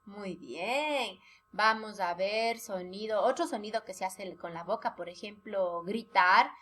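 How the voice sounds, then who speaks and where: A woman teaching young children in a recorded lesson, talking in an animated, sing-song way and often checking that they follow along. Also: mid-range voice, unhurried, slight background noise. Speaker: preschool teacher.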